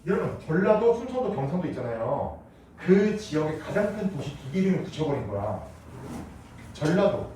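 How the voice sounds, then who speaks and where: Lively male teacher in echoey classroom. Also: a little high, moderate pace, recorded from a distance, slight background noise. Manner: lively, asks students questions. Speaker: middle school history teacher. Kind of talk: classroom lecture.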